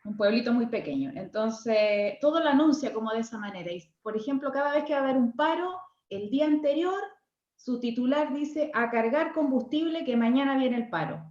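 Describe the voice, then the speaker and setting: A woman's voice: fairly high pitch, expressive, brisk, darkish tone. A woman student from southern Chile, telling an example in class hesitantly, searching for words. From southern Chile, Patagonia. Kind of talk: class discussion. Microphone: video call. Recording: echoey room, lo-fi video call.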